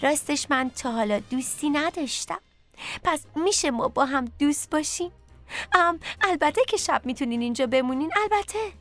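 A woman voicing a small, shy, lonely carrot in a children's story, with a hesitant, gentle way of speaking. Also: sits high, animated, soft background music, pitched above the performer's own voice. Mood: shy glad. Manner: hesitant, stammering.

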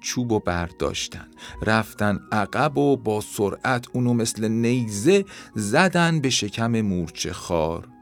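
A man calmly narrating a children's story in a measured reading voice. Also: medium pitch, creaky.

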